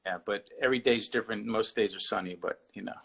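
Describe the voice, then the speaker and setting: A man's voice: lowish voice, quick pace, vocal fry, a bit bright, poor audio. A man, an artist, talking casually as a guest on a video-call interview, rambling and often restarting his phrases.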